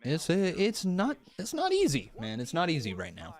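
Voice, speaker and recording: A Canadian man in his thirties talks at normal speed in a fairly high voice while streaming about pro wrestling. He's in a room of his rented home, casually and animatedly speaking to his live chat, with occasional swearing and plenty of jokes at his own expense.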